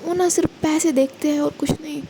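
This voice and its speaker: A woman narrating a serial story in a calm, plain way and closing with a friendly sign-off. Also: high voice, fairly quick, slight background noise, rough recording.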